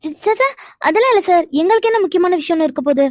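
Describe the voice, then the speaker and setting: A woman's voice: extremely high pitch, lively intonation, racing, a little mellow, no room sound, studio quality. A woman voicing a fretful, panicky young woman. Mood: flustered. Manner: exclaiming, defensive, fretful. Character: anxious young woman Iniya, quick to panic. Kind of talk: animated cartoon dialogue.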